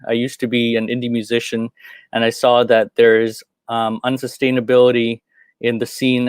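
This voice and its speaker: A man's voice: mid-range voice, smooth, dry recording, studio quality. Thai man moderating with frequent ums. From Thailand. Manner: friendly, hesitant with frequent ums. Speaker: panel moderator. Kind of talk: online panel moderation.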